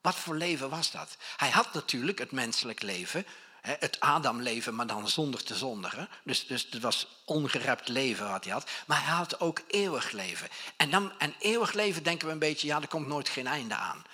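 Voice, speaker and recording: Man, pastor, conversational sermon, forceful tone, slightly raspy. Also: medium pitch, moderate pace. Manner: conversational, animated, with many restarts.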